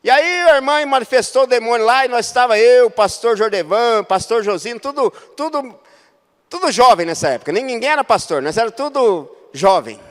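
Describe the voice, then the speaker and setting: High-voiced Brazilian preacher in a reverberant hall. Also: male voice, animated, brisk. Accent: Brazilian Portuguese. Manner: storytelling preacher, swings from chatty asides to loud exhortation. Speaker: pastor. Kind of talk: sermon. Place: church.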